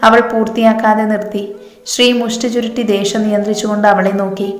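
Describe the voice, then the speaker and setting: A woman's voice: mid-range voice, level tone, fast. A woman narrating a romance story, reading every character in her own voice with small shifts for each. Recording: echoey room with faint music. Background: faint background music.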